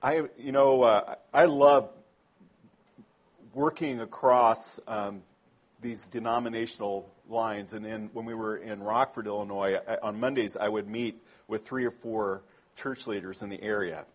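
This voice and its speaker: Man, preacher, husky voice, conversational sermon, questions to the congregation. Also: on the low side, steady tone, a little slow.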